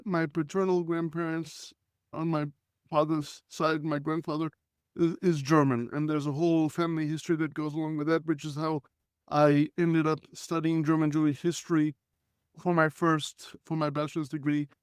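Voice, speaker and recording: Here an Israeli man in his forties talks in Hebrew about his life, earnest and reflective, the way a guest might in conversation, pausing often to clear his throat. His voice sits on the high side with little pitch movement at a moderate pace. There's no room sound; the recording is dry and close.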